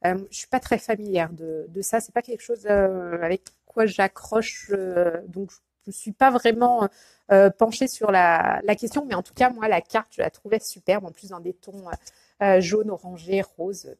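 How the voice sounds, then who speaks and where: A woman's voice: mid-range voice, normal speed, darkish tone, dry recording. A woman coach chatting casually in a live video, hesitant and full of fillers and restarts, greeting viewers by name. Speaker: life coach.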